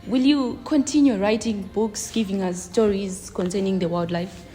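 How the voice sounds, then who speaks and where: A woman interviewer asking plain, steady questions. Her voice is mellow and warm, at a middle pitch for a woman. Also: moderate pace, faint music behind.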